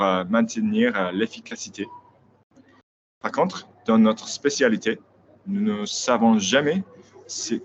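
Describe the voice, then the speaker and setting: An Australian man, a native English speaker, giving a prepared lecture in hesitant French with a foreign accent. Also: medium pitch. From Australia, Sydney. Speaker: veterinary specialist, conference speaker. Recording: dull lo-fi web audio, faint noise.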